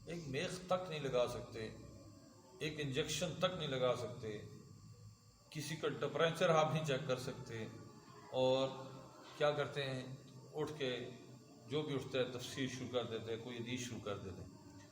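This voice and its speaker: A man teaching a religion class as a lively lecture, asking his students questions and having them repeat after him. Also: mid-range voice, pauses often. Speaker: Islamic teacher. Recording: echoey hall with background noise.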